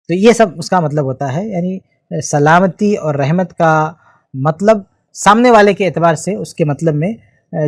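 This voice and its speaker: A male preacher with a notably high voice answers a question in a religious lecture. The sound is dry and close. He tells the story in an animated way, shifting his voice for the quotes. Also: no room sound. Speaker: Islamic preacher.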